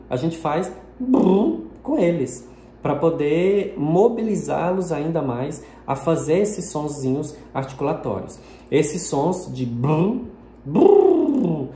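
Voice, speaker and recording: A Brazilian linguistics teacher with a warm, mid-range voice gives a patient, explanatory video lesson on phonetics, scattering diminutives through his speech. The room is echoey, with faint background noise.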